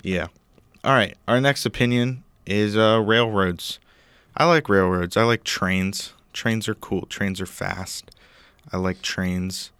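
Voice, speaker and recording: Young male podcast host, low and smooth voice, loose jokey rambling, dry close mic. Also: takes it slowly, fairly bright tone, dry recording. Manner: rambling, jokey, trails off into mumbles. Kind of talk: casual podcast chat.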